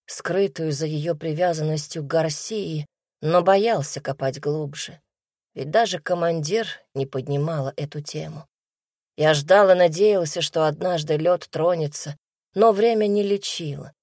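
A woman reading a first-person fantasy story with a low, unhurried voice. The sound is close and dry, with no room around it. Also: a little mellow, dry recording. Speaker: audiobook narrator. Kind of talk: scripted first-person narration.

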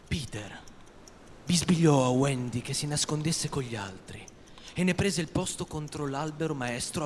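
A man narrating a storybook reading on the radio with lively, sharp delivery. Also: on the high side, big-room sound, slight background noise. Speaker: story reader.

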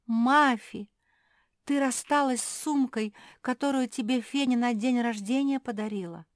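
A woman's voice: a little high, a little slow, no room sound, clean studio sound, voice pushed up, natural voice. A woman voicing an anxious, caring young animal girl who speaks with gasping breathiness in a storybook reading.

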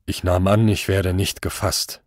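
A man voicing a calm, stubborn older craftsman who answers a court tersely in a story reading. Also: deep voice, a little slow, no echo, clean studio sound. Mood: cool. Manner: cool, terse, quiet.

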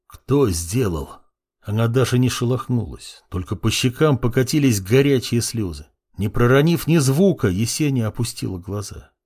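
Husky man narrating a dark audiobook. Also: medium pitch, expressive, moderate pace, hardly any pauses.

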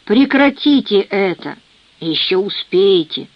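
A woman's voice: medium pitch, big pitch swings, takes it slowly, no room sound. A woman voicing an irritable young man who speaks abruptly, in a dull, dry recording. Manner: abrupt, exasperated.

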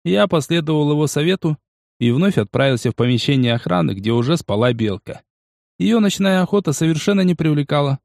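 A man narrating a first-person audiobook in a steady, measured way. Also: a little high, creaky, no room sound, clean studio sound.

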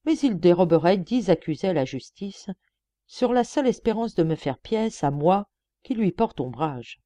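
A woman's voice: on the low side, expressive, moderate pace, warm tone, no echo, lightly acted. A woman voicing a shrewd, earnest young male police detective in a storybook reading, persuasive and emphatic.

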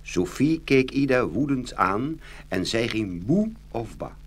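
A man narrates a scripted children's fairy tale with expressive, dramatic storytelling, speaking at a medium pitch and taking it slowly.

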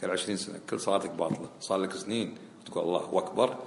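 In an echoey hall with faint ambient noise, a sheikh teaches a colloquial fiqh lesson on prayer rulings. His voice is low and gravelly and his speech rapid-fire as he questions students and repeats key phrases.

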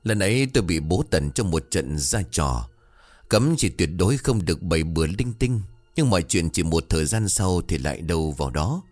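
Man narrating a ghost story, lively low voice. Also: normal speed, no echo, faint music behind. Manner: storytelling first person, expressive.

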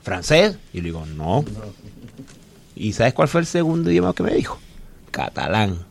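A man's voice: lowish voice, very animated, normal speed, gravelly. A man, a musician guest, chatting loosely in a radio studio interview, telling rambling stories and repeating his words. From immigrant living in Spain. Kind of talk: casual radio interview chat.

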